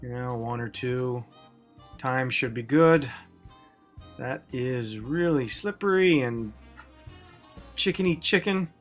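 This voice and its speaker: A man's voice: mid-range voice, slow pace, long pauses, faint music behind. Wry man demonstrating a recipe. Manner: wry, self-deprecating humor. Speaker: cooking video host. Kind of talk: cooking demonstration with jokey asides.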